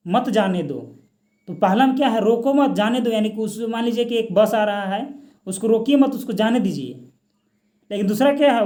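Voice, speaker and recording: A man teaching Hindi grammar for an exam, explaining slowly, asking questions and answering them himself, and mixing English words into his Hindi. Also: high voice, a little mellow. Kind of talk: exam-prep grammar lecture.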